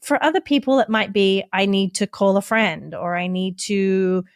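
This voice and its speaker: A woman therapist speaks as a podcast guest, gentle and reassuring as she walks the listener through each step. Her voice sits at a middle pitch. The recording is close and dry, with no room sound. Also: normal speed, no echo. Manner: gentle, reassuring, instructive, with frequent "like" and "right?". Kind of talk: explanatory podcast conversation.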